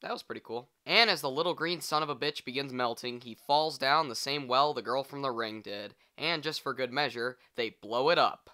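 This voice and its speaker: A man's voice: medium pitch, normal speed, few pauses, pushed and bright, slight background noise. A man narrating a scripted comedic film review in a blunt, sarcastic, profane manner.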